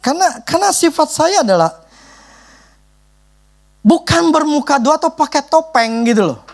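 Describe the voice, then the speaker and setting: Brief: male pastor, lively swooping pitch, chatty emphatic sermon delivery. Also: moderate pace, creaky. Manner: emphatic, conversational, repeats "gitu loh".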